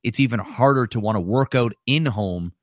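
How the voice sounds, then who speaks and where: A man in his thirties co-hosting a casual podcast, talking in a laid-back, drawn-out way with plenty of swearing. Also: mid-range voice, no room sound, studio quality. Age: 30s. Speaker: podcast co-host. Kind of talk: casual chat.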